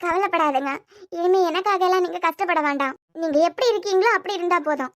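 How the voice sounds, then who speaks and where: A woman's voice: very high voice, fast, a bit bright, dry recording, studio quality. A woman voicing a young wife in a cartoon series, crying and accusing her husband. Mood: distraught. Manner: crying, pleading, reproachful. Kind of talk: cartoon web series voice acting.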